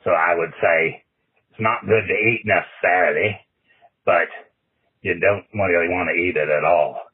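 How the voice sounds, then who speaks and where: Super deep raspy guy calling in on a phone, dry and matter of fact, kinda flat. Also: moderate pace. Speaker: listener calling in. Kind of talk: voicemail commentary. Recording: tinny phone voicemail line.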